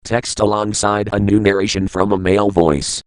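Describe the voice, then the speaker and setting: Deep-voiced man narrating a horror story. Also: level tone, normal speed, clear, resonant tone, no echo. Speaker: creepypasta narrator.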